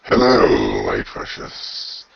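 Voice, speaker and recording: A man voicing an evil, imperious space emperor villain in a radio play, with a very deep, rasping voice and slow menace. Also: wildly swooping pitch, no echo, muffled recording, exaggerated voice. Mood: menacing.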